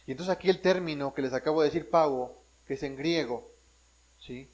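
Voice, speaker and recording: Higher-pitched man preaching a sermon. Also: normal speed, darkish tone, rough recording. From Mexico. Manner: teaching Bible verses, checking in with the congregation; frequent restarts and self-corrections. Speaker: pastor.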